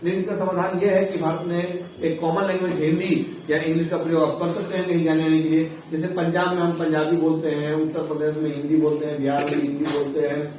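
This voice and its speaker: A man's voice: a little high, little pitch movement, fast talker, a little mellow. A man teaching a civics lesson to students in a casual way, often checking in with his listeners as he explains. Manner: casual, repeats "theek hai" and calls students "babu". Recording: echoey, far from the mic, faint noise.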